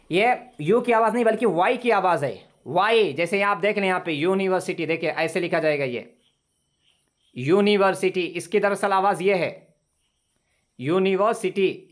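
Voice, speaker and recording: A male teacher with a high voice runs an online English class on a video call, heard through his computer microphone. He explains grammar patiently and repeats words at a slow pace for the learners.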